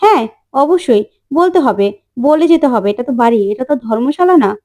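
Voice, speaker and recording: Vidya: sharp young woman, as a narrator puts her on. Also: sits high, expressive, brisk. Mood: retorting. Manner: retorting, teasing. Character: sharp-tongued young woman professor, bold daughter-in-law.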